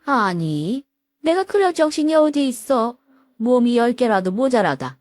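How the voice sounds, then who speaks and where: A composed, well-off older mother in a storybook drama, wry and unbothered, as a woman puts her on. Her voice rises and falls lively and sits dry and close. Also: fairly high pitch, measured pace, no room sound. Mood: brisk.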